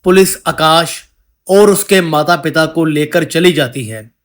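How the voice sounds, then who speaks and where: A male storyteller reads a sad moral tale in a measured, solemn manner. His pace is very slow and unhurried, and his voice sits a little above the usual male pitch. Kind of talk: scripted story narration.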